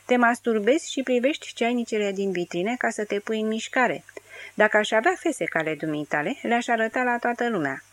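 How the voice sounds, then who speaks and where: A woman's voice: fairly high pitch, a bit bright, pitched above the performer's own voice, close to an everyday voice. A woman voicing a drunk, crude, hysterical young woman with coarse, mocking outbursts. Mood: shrill, crude.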